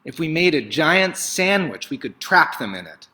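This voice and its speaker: A man voicing an eager, quick-thinking village baker from a storybook, calling out loudly in excited, commanding exclamations. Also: fairly high pitch, pitched above the performer's own voice. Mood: excited, inventive.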